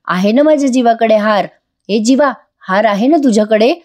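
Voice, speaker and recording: A woman's voice: on the high side, moderate pace, a little mellow, natural voice. A woman reading a protective mother's lines aloud in a TV serial review, urging her son.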